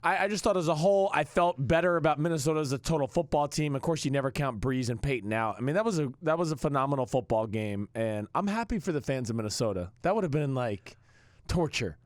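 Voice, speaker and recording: A man talks football on a podcast with a hoarse voice worn out from yelling. He is animated and keeps clearing his throat. The room sound is dry and close. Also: a little high, fast talker, no room sound. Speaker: podcast co-host, former player analyst. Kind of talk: casual sports talk.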